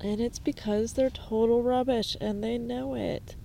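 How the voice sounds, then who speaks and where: A woman's voice: on the high side, steady tone, unhurried, creaky, warm tone, slight background noise. A young woman in casual commentary, sarcastic and profane, with laughing asides.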